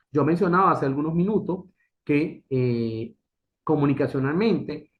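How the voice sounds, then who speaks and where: Earnest middle-aged man, lo-fi. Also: fairly high pitch. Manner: earnest, poses rhetorical questions, repeats phrases. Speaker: business consultant. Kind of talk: motivational talk. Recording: dull lo-fi recording.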